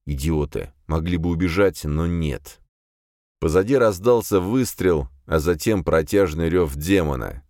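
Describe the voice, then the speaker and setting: A man narrating a first-person fantasy audiobook in a steady, measured way. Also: deep voice, no room sound, studio quality.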